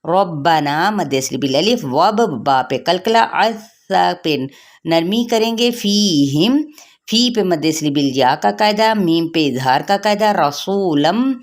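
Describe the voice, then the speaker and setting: A woman with an Urdu accent teaching Quran pronunciation rules, reciting words slowly and then explaining each rule. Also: lowish voice, lively intonation. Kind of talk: tajweed lesson with slow recitation.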